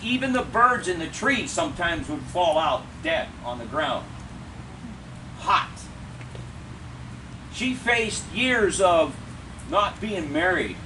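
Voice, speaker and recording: A man preaching a funeral eulogy in measured, deliberate short phrases with pauses. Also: high voice. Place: funeral service, speaker away from the mic. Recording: distant mic, clear steady air-conditioning noise.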